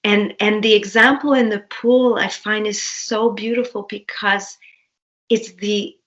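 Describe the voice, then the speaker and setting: A woman therapist speaks as a guest, gentle and affirming while she explains ideas. Her pitch is middle of the range, and the audio comes through slightly dull and muffled. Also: steady tone, unhurried. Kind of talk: interview guest explaining concepts.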